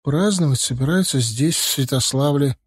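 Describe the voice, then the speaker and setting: A man's voice: mid-range voice, moderate pace, breathy edge, lightly acted. A male audiobook reader voicing a dazed middle-aged wife recalling a phone call in a distracted way.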